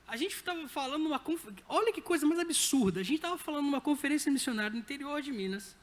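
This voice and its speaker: Brazilian pastor preaching in a reverberant hall. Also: male voice, very high-pitched, quick pace. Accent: Brazilian Portuguese. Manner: lively anecdotal storytelling with humor. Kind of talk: sermon. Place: church sanctuary.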